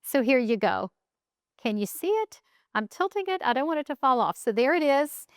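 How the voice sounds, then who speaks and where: A woman's voice: sits high, very animated, moderate pace, no echo, studio quality. A woman hosting a home cooking demonstration, chatting and thinking aloud as she decorates a cake in her kitchen. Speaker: cooking show host.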